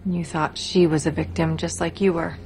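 Actress as calm, low-voiced female confidante. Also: normal speed, faint music behind, close to an everyday voice. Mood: calm, probing. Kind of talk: naturalistic TV drama acting.

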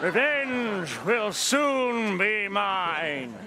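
Swooping, theatrical pirate captain villain. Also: male voice, sits high, expressive, crowd noise, full character voice. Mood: gloating menace. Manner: grandiose, slow declaiming with sudden roars. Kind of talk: hammy stage acting in a farce. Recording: noisy theatre stage with loud audience.

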